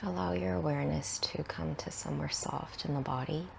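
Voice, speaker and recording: Steady in tone and deep in pitch, a woman guides listeners through a meditation at a leisurely pace. Brief phrases trail into soft breaths, long pauses follow, and a little hiss or hum sits in the background.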